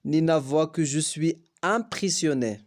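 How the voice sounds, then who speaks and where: Slow-reading man narrating a novel. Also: on the high side. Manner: slow, careful storybook reading. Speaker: French teacher.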